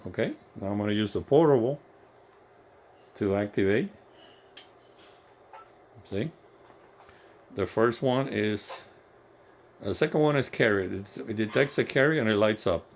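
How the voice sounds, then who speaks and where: A man's voice: lowish voice, moderate pace. A man who is not a native English speaker gives an informal, enthusiastic, explanatory hands-on technical walkthrough as a radio technician. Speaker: radio technician demonstrating repeater equipment. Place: indoor home electronics workshop. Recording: clear background noise, workshop ambience.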